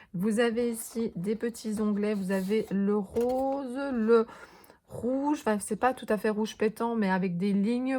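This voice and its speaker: A woman's voice: a little high, darkish tone. A woman vlogger chatting enthusiastically through a scrapbooking haul, with lots of fillers and small restarts. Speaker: crafting vlogger. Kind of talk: casual show-and-tell haul video.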